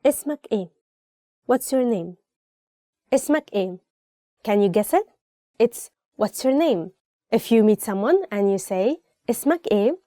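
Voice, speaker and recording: A young woman with a warm, fairly high voice, teaching phrases in a casual and chatty way. She explains each question and repeats it for the viewer. The sound is close and dry, recorded in a small indoor studio. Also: lively intonation, a little fast, pauses often, dry recording. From Egypt. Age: young adult. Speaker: language teacher. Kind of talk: casual spoken-Arabic lesson to camera.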